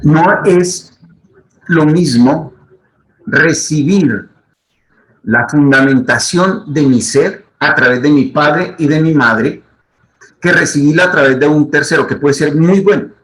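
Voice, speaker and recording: A man's voice: a little high, slow pace, fairly bright tone, low-quality recording. A middle-aged man, a psychologist, giving advice to the camera in a teaching manner and repeating his key points. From Colombia.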